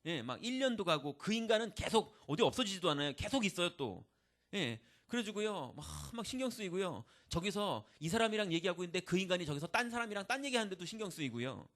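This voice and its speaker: A man's voice: sits high, very animated, fast talker, fairly bright tone. A male pastor giving a candid, confessional testimony in a sermon, acting out his own grumbling thoughts.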